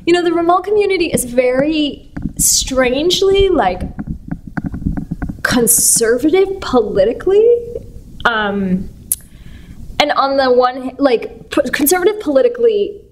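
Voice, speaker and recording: A woman's voice: high-pitched, slight background noise. A woman from San Francisco, a stage artist, being interviewed and speaking in a chatty, rambling way with many fillers. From San Francisco, United States. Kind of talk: casual interview.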